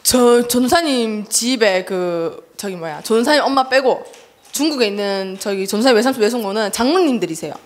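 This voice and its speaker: A young woman evangelist giving a lively, chatty sermon to a children's service, acting out voices and laughing as she tells stories. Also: a little high, normal speed. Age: young adult. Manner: chatty and animated, acts out relatives' voices with laughter. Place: church hall.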